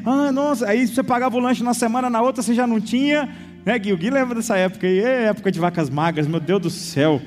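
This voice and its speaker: Man, sermon, high pitched, lively, long reverb, faint music. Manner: animated, acting out quoted complaints and prayers. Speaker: preacher.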